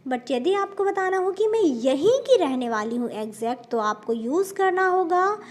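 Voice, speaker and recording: Speaking Hindi to teach spoken English, a woman from India uses a very high, expressive voice, with a little hiss or hum in the audio. Her delivery is slow and careful, she slips in English words, and she keeps calling her viewers friends.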